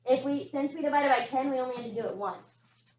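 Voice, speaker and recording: A woman teacher leading a math class, talking students through each step and calling on them by name, her voice a little hoarse. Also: high-pitched, a little fast, darkish tone, lo-fi sound, slight background noise. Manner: walks students through steps, calls on pupils by name. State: voice getting hoarse.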